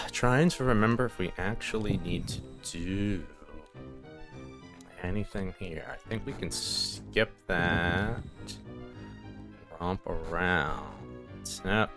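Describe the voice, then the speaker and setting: Deep-voiced man rambling over gameplay. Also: slow pace, long pauses, music in the background. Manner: rambling, chuckling, lots of fillers. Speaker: let's play host. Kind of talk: casual gameplay commentary.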